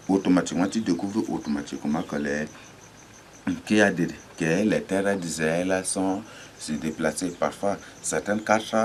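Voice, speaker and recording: Low-voiced man, informal Bible teacher, halting and repetitive, spells out words; faint birdsong behind him. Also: a little hiss or hum. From Chad. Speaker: religious teacher.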